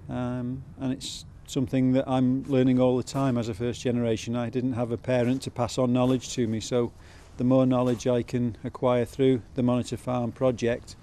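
Measured man farmer, mellow flat voice. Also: medium pitch. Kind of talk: interview answers. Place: outdoors in a farmyard.

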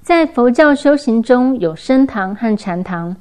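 A female news reporter reads a scripted report in a steady, even way. Her voice is somewhat high and mellow, with a smooth, unhurried delivery.

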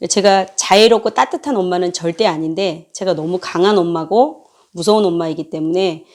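A woman's voice: fairly low pitch, moderate pace, a little mellow. A middle-aged woman and mother hosting a parenting talk, sharing a family story in a candid, earnest way. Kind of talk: casual talk.

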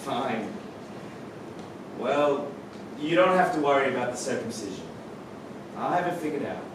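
On a theatre stage, an actor reads the part of Adam, a young son who teases and frets over his mother. He speaks in an animated mid-range voice, a little slow and lightly acted, moving from wry jokes to alarmed shouting. The distant camera, with no mic in view, captures a noisy, echoey hall.

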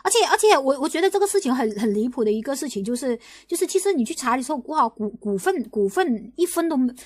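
A young woman from Guangdong hosting a casual livestream, talking in rapid bursts full of restarts and repeated rhetorical questions. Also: high voice, sing-song, no echo, clean studio sound. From Guangdong, China. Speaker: livestream host.

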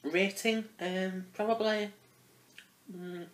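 A man's voice: high-pitched, fairly even intonation, takes it slowly. A man giving a casual spoken product review, rambling and hesitant, often restarting his phrases. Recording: roomy echo.

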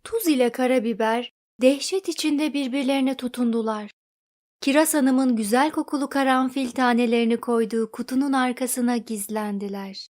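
A woman narrating a children's storybook in an expressive read-aloud manner. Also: high voice, normal speed.

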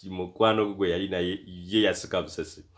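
A man's voice: low voice, fairly even intonation, a little fast. A man with a Ugandan accent retelling a book as storyteller, switching between reading and chatty asides. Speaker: storyteller and translator. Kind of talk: retelling a book in English and Luganda.

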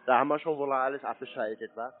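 This scambaiter prank-calls phone scammers and turns the call into an argument, mocking, insulting and provoking the other party. He has a medium-pitched voice with fairly even intonation and a quick pace. The call audio is muffled and lo-fi.

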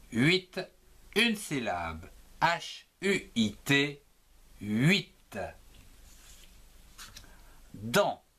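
A man teaching children to split words into syllables, slowly spelling each part letter by letter. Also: medium pitch, pushed and bright, breathy edge. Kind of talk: slow spelling lesson for children.

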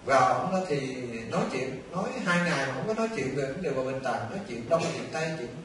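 An older Vietnamese man, a Buddhist monk, giving an animated storytelling dharma talk to a temple audience. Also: medium pitch, fast. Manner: animated, conversational, addresses listeners often. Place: temple hall. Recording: echoey distant hall recording with faint noise.

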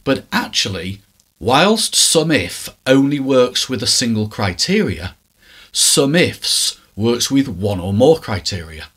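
A man talking through a spreadsheet tutorial in a measured, step-by-step way. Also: medium pitch, big pitch swings, a bit bright, slightly rough, no echo, clean studio sound. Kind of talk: screen-recorded tutorial narration.

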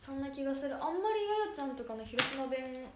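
A young woman thanks her viewers by name during a casual idol livestream, her Hiroshima dialect clear as she chats. The voice is high, animated and a bit quick, recorded in an echoey room with faint music and some background noise.

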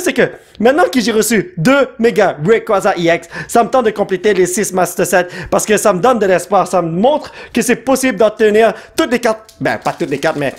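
A young man with a Quebec French accent, commenting excitedly as he opens trading card packs. He jumps into shouts, sprinkles in English slang, and his voice sounds strained from yelling. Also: high-pitched. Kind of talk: excited casual vlog commentary.

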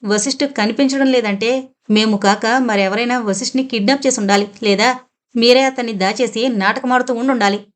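A woman's voice: a little high, a little fast, lightly acted. Woman voicing a grave alien phone caller. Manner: calm and grave, pleading reasonably.

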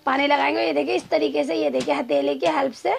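High gravelly lady showing how she makes flatbread at home, keeps repeating "like this" while kneading. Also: fast talker, background noise. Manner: repetitive, instructive, talks while kneading dough. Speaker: cooking channel host. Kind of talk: home cooking demonstration. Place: home kitchen with a clay stove.

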